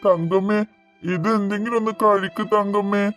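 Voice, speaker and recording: A woman's voice: medium pitch, steady tone, normal speed, natural voice. Soothing cartoon village woman, voiced by a woman. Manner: soothing, coaxing. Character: gentle village woman comforting a friend. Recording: faint music behind the voice.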